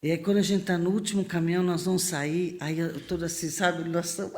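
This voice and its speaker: A middle-aged woman from Brazil, a missionary guest on a podcast, telling stories in a lively way, acting out the voices she quotes and laughing often. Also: lowish voice, fast talker, crowd noise. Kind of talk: lively storytelling in a podcast interview.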